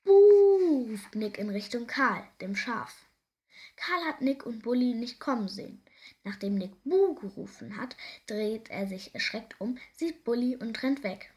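Woman, storyteller, children's story reading, gentle, expressive, soft whispers, fairly high voice. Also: a little slow.

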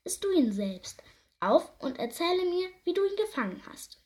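A woman doing a gentle, polite birthday tortoise. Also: very high voice, very animated, normal speed, pitched above the performer's own voice. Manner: soft and polite, gently declining.

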